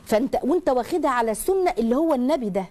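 A woman with an Egyptian accent speaks as host of a religious advice talk, earnest and emphatic as she lectures. Her voice sits fairly high, and she talks very fast with frequent restarts. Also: animated, darkish tone. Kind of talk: religious advice talk, reading a listener's letter.

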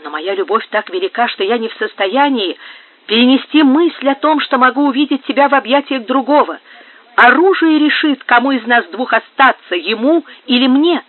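A man's voice: extremely high pitch, animated, moderate pace. A man reading a heartbroken, jealous young man with anguished intensity, heard through a narrow phone-like sound.

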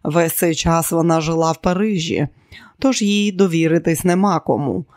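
A man voicing an arrogant, scheming man who is quick to rage, with a boastful, commanding way of talking. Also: fairly high pitch, darkish tone, no echo, clean studio sound, close to an everyday voice. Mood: smug.

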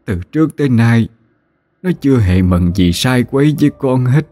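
A man voicing a dying old grandmother in a ghost story, in a soft, weary, slow voice. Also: medium pitch, animated, no room sound, voice pushed up, natural voice. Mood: remorseful. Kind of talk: audiobook character reading.

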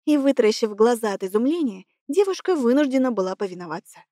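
A woman narrates an audiobook with a measured, expressive reading. Her voice sits high, and the recording is dry and close. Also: dry recording. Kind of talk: scripted narration.

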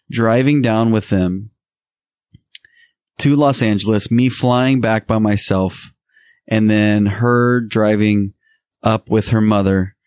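Male co-host, low voice, dry close sound, casual personal storytelling. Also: darkish tone, clean tone, no echo. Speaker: podcast co-host.

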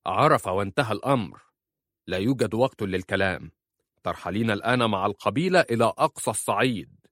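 A man's voice: on the low side, lively intonation, fast, fairly bright tone, no room sound, studio quality. A man voicing a stern, impatient husband who gives curt orders. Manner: curt and commanding.

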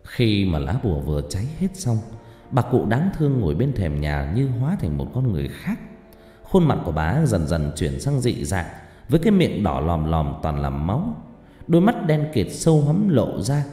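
A man telling a horror story with a dark, mellow voice and a lively, swooping delivery. His narration is dramatic, moving between tense and hushed. A long hall-like reverb hangs on every word, with faint music behind. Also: lowish voice, normal speed.

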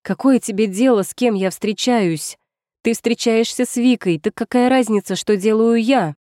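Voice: mid-range voice, normal speed, darkish tone, no room sound, close to an everyday voice. A reader voicing an angry young woman in an audiobook, heated and accusing, with a dry, close sound. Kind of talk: audiobook character reading.

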